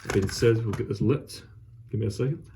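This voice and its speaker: A man hosts a relaxed solo vlog in a very dark, mellow voice. His pitch sits a little low. He chats casually and rambles along, often halting as he gathers his words. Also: vocal fry, slight background noise. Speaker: host of a pipe tobacco vlog. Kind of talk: casual solo chat to camera.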